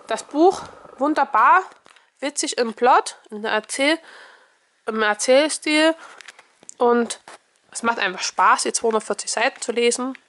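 A woman blogging about children's books, giving a review and reading aloud in a lively, expressive way. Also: on the high side, unhurried, long pauses.

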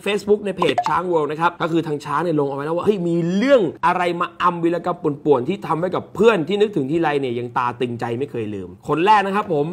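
Fast-talking high-voiced man, joking chat. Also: animated. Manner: laughing often, acting out pranks in voices. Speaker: co-host. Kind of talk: casual comedic chat.

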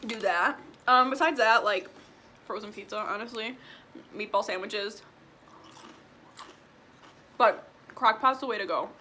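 With a medium-pitched, pushed, bright voice, this twenty-year-old Illinois vlogger talks at a measured pace with long pauses while eating through a casual mukbang Q&A. She answers viewer questions from a small room at home, a little hiss or hum audible, chatting freely with lots of "like" and "um."

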